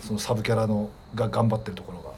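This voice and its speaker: A man's voice: on the low side, steady tone, a little hiss or hum. A man from Hokkaido co-hosting a casual chat show, telling rambling stories and reading listener mail aloud. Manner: fast, rambling storytelling with soft trailing asides. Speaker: podcast co-host.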